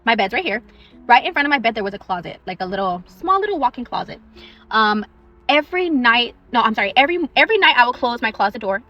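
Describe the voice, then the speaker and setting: A young woman in a parked car telling a true story in a chatty, animated way, eating on her lunch break. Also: on the high side, fast talker, muffled recording. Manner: chatty and animated, eating while she talks. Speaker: social media storyteller.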